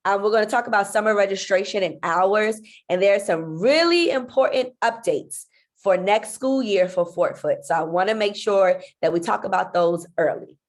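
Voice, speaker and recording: A school principal runs an online parents' meeting over a video call, speaking into a computer mic. Congested and nasal from blocked sinuses, she keeps a friendly tone at medium pitch and normal speed, dropping frequent ums.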